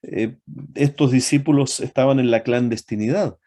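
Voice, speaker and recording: Guy preaching a sermon, warm mellow voice, asks the church questions, lots of "eh" pauses. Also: mid-range voice. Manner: asks the congregation rhetorical questions; pauses with frequent fillers and self-corrections.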